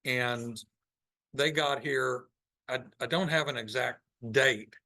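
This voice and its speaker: A man giving an informal slide presentation to a live audience in a meeting room. He thinks aloud and pauses often as he goes. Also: medium pitch, pushed and bright.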